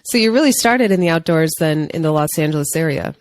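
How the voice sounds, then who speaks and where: A woman's voice: low-pitched, expressive, quick pace. A woman hosting a podcast, asking upbeat, friendly interview questions. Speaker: podcast host. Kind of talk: casual interview.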